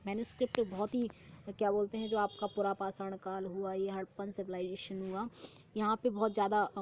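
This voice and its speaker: A young woman teaching an exam-prep vocabulary lesson, reading each English phrase slowly and explaining it in Hindi, often repeating the answer as a question. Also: medium pitch, darkish tone, slight background noise.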